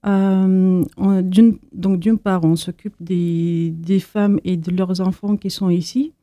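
A woman from Moldova answers interview questions in a halting way, often pausing and restarting. Her voice is very dark and mellow. The recording is dry and close. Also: fairly low pitch, fairly even intonation, dry recording. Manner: hesitant, many fillers and restarts. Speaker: association founder.

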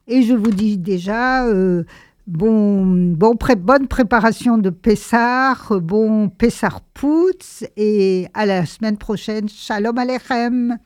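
A woman radio host reading a story aloud and adding commentary, measured with some hesitant fillers. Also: fairly high pitch, a little mellow, clear, resonant tone, no echo.

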